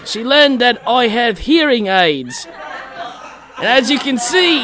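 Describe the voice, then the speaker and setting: A man performing a stand-up routine on a club stage, chuckling through his own punchlines. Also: high voice. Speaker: stand-up comedian. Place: comedy club stage with a live audience. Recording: loud crowd and club noise.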